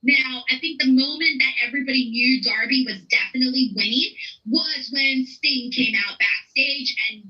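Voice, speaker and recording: A woman's voice: high-pitched, moderate pace. A woman giving casual wrestling commentary in a clip. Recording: dull lo-fi clip audio.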